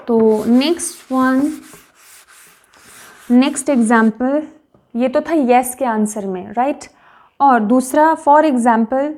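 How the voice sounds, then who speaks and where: A woman teaching a language lesson, explaining patiently and repeating example phrases slowly, syllable by syllable. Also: high-pitched, darkish tone.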